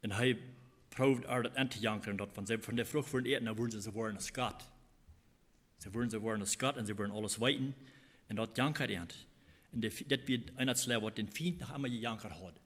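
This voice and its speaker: A man preaching a sermon, explaining scripture in a halting way and repeating phrases as he goes. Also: fairly low pitch, fairly bright tone, slightly rough.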